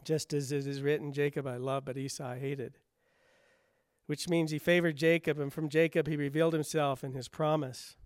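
A male pastor preaching a sermon, driving home rhetorical questions with emphasis, then dropping low and quiet. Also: level tone, moderate pace, clear, resonant tone, dry recording, studio quality.

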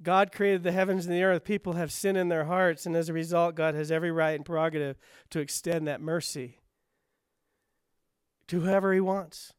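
Male pastor, sermon delivery, high smooth voice, emphatic questions, dry close sound. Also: fairly even intonation, normal speed, no room sound. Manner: emphatic rhetorical questions, rising then dropping to quiet.

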